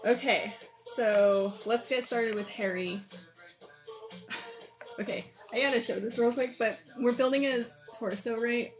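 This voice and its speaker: A woman's voice: on the high side, steady tone, normal speed, few pauses, low-quality recording. A woman with a tired voice chatting casually as she hosts a live building stream, thinking aloud and making fun of her own mistakes. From New Mexico. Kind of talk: casual chat while building. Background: loud music.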